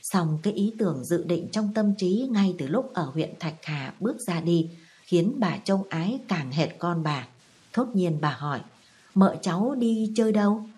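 A woman reads a novel aloud in calm, even audiobook narration. Her voice sits low and sounds mellow and warm. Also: unhurried.

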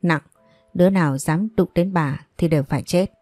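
A woman's voice: lowish voice, moderate pace, warm tone, no room sound, soft background music, close to an everyday voice. A woman narrator voicing a harsh, scheming middle-aged mother with a cold, scolding way of talking.

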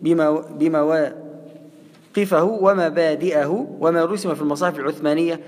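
A man's voice: fairly high pitch, steady tone, normal speed, darkish tone. A man with an Egyptian accent who teaches Quran recitation and keeps asking his listeners rhetorical questions. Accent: Egyptian Arabic. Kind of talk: explanatory religious lesson. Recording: long hall reverb.

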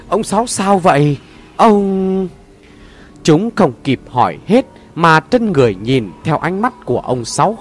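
Dramatic male storyteller, lively pitch. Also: breathy edge. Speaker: audiobook narrator. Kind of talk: scripted story narration.

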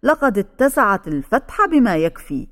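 A woman's voice: medium pitch, big pitch swings, moderate pace, long reverb tail. A woman voicing a stern male commander giving curt orders to his soldiers in an audiobook. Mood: commanding.

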